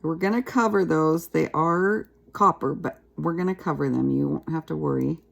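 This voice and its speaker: Gravelly-voiced woman teaching a craft. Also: sits low, normal speed. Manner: chatty, relaxed, talks while working with her hands. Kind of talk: casual craft tutorial.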